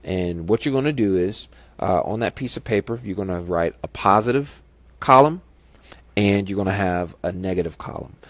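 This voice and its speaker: A man's voice: deep voice, expressive, normal speed, no room sound. A man hosting a casual solo podcast, nasal from a stuffy nose, giving encouraging, instructive advice straight to the listener. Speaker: podcast host.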